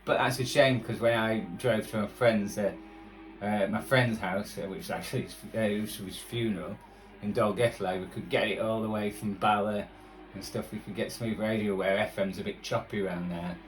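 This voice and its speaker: A shortwave radio hobbyist rambles hesitantly in casual, unscripted commentary, thinking aloud as he tunes. His voice sits on the low side, steady and at normal speed, picked up by a distant mic with radio audio and soft background music behind him.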